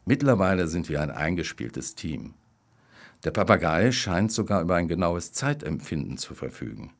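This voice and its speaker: A man with a very low, deep voice reads short humorous stories aloud. His delivery is dry and wry, steady scripted narration with an understated edge. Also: normal speed, creaky.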